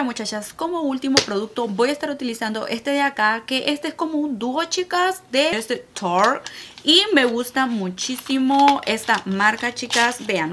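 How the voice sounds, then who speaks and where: A woman's voice: medium pitch, fairly bright tone. Chatty woman walking through a makeup look. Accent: Salvadoran Spanish. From El Salvador. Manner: chatty, keeps addressing viewers as girls. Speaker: makeup vlogger. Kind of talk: casual makeup tutorial.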